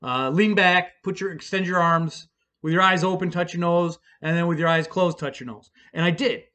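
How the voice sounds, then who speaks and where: Bright-voiced man telling a rambling story. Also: high voice, moderate pace. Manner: profane, rambling, self-mocking; fillers and restarts, bursts of excited shouting. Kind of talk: casual storytelling vlog.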